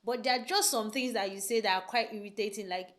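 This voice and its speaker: A young woman with a medium-pitched, slightly bright voice talks quickly to camera, offering relationship advice. She's chatty and emphatic, packing her casual talk with rhetorical questions.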